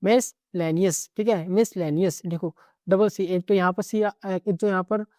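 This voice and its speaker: A man teaching an exam-prep lesson in a relaxed, unscripted way. His tone is soft and mellow, and the sound is close and dry with no room around it. He runs quickly through lists of words and keeps checking in with the listener. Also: high voice, no room sound. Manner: rattles through word lists, peppering every line with 'okay'. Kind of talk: casual spoken lesson.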